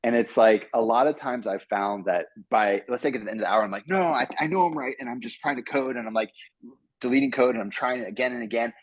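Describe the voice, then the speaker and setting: A man, a software engineer, giving earnest advice to students on a panel and acting out his own thoughts as he goes. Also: medium pitch, fast, dry recording. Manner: earnest, animated, acts out his own inner voice.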